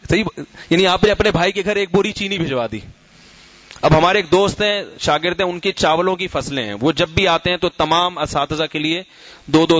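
A man's voice: a little high, fairly bright tone, no echo. A middle-aged man giving a conversational religious talk as a scholar and teacher, explaining with homely examples and asking his listeners questions. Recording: slightly muffled, dry lo-fi recording.

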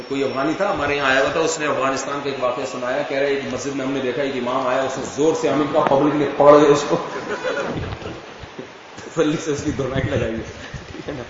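A man, an Islamic scholar giving a conversational religious lecture and often asking his listeners whether they follow. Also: mid-range voice. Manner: conversational, checks understanding with rhetorical questions. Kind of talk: religious lecture answering questions. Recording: echoey hall, far from dull mic, faint noise.

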